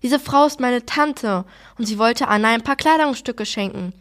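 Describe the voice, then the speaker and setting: A woman's voice: a little high, moderate pace, fairly bright tone, close to an everyday voice. A woman reading aloud, voicing a worried mother who pleads and argues with her husband in a children's novel. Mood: upset.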